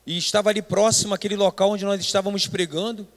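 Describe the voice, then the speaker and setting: With a Brazilian Portuguese accent, this pastor gives an emphatic Sunday school sermon, frequently addressing the audience as brothers. He talks fast in a high voice with a steady tone, and the hall adds a long reverb.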